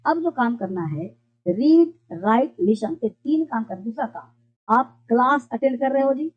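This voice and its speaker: Heard through a dull lo-fi recording, this English teacher speaks at a medium pitch, a little slowly, with lively intonation. The lesson is classroom-style, full of repeated points and self-asked, self-answered questions.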